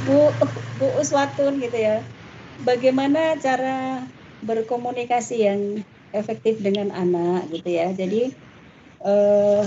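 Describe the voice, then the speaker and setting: Chatty woman giving parenting advice, slightly high. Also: warm tone, highs cut off, slight background noise. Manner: chatty, frequent tag questions. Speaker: parenting speaker. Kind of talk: parenting talk answering questions.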